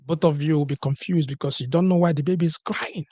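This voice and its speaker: A man giving an animated comedic monologue on a livestream, acting out little exchanges between couples and often checking in with "you understand?". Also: a little high, fast, no room sound. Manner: animated, acts out couples' dialogue, keeps asking "you understand?". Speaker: comedic commentator.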